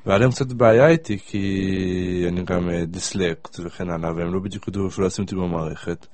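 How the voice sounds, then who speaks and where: A man in a casual chat, explaining things in a slightly halting way. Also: low-pitched, darkish tone, no echo. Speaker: university student.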